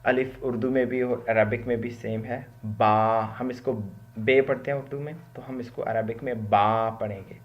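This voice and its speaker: Man teaching letter sounds, dull recording. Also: medium pitch. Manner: explanatory, repeats sounds to demonstrate, mixes in English words. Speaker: Quran teacher. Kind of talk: spoken lesson on Arabic letter pronunciation.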